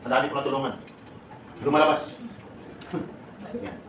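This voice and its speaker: A man from the Philippines giving a lively talk to a seminar audience of departing overseas workers. He quizzes the crowd, laughs often and mixes English into his Filipino. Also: medium pitch, normal speed. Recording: echoey room, distant and noisy.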